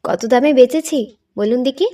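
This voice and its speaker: A woman voicing an excited young woman who laughs as she talks, in a spoken storybook reading. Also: high voice, measured pace, far from the mic. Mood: gleeful.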